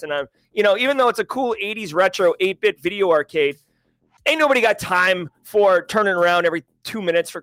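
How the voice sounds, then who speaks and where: A man hosting a daily livestream, talking casually and energetically to his chat with slang and shout-outs. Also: high-pitched, dry recording. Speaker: host.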